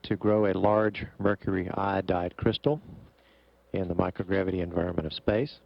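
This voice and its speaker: Mission commentator, male, low gravelly voice, measured and formal, slightly dull feed. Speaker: mission operations public affairs commentator. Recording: dull, muffled broadcast feed.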